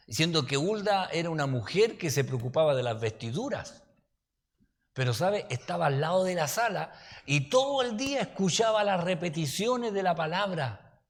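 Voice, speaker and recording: Un pastor con acento chileno que da un estudio bíblico en tono de charla, con anécdotas y preguntas como "¿ya?" a los oyentes. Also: male voice, fairly high pitch. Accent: Chilean Spanish. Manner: folksy, anecdotal, asks listeners "¿ya?". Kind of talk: conversational Bible-study sermon. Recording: reverberant hall.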